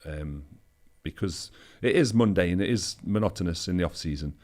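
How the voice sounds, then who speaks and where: Very deep-voiced man telling stories casually. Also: lively intonation, moderate pace, darkish tone. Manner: easygoing anecdotal storytelling, loose with fillers. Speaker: bodybuilder guest. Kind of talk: casual interview chat.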